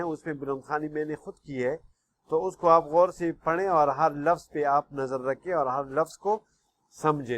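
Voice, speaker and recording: Man, school teacher, online class lesson, patient and repetitive, slightly high-pitched. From Pakistan. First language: Pashto. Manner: patient, repeats words slowly, keeps asking "okay?".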